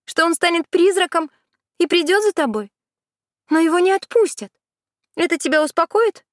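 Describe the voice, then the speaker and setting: Женщина изображает насмешливую колдунью. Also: female voice, very high voice, moderate pace, no room sound, clean studio sound, pitched above the performer's own voice. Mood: mocking. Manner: sneering, condescending. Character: smug mocking female witch. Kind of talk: audiobook reading.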